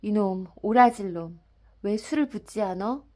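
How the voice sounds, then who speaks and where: A woman voicing a drunken, boastful middle-aged rickshaw puller who shouts roughly at everyone in an audiobook of a classic story. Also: medium pitch, a little slow, lightly acted. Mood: drunken rage. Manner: loud, rough, blustering shouts. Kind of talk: dramatic audiobook reading.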